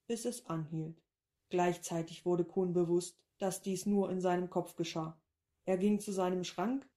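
A woman narrating a short story in a calm, even read-aloud manner. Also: on the low side.

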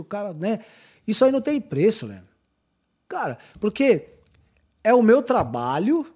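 Higher-voiced man, effusive casual podcast guest. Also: dark tone, husky. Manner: effusive, colloquial, peppered with slang and mild swearing. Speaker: podcast guest, works with house painters. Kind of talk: casual chat.

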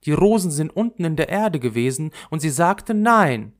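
An anxious little girl in a storybook, pleading and searching for her lost friend. A man puts her on for a reading, her voice pitched high and lively above his own. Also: moderate pace. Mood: sorrowful. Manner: pleading, raised girlish pitch.

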